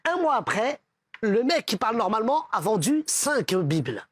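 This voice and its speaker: A man telling a string of jokes in a casual stand-up style, acting out the characters with stutters and shouts. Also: high-pitched, big pitch swings, normal speed, dry recording. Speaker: comedian.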